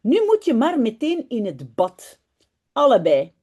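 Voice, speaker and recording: A woman teacher voicing a brisk, fond mother in a children's storybook, in a slightly lower, measured motherly tone. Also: huge pitch swings, mellow, full character voice. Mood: scolding. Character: a mother bathing her two muddy children, brisk and fond.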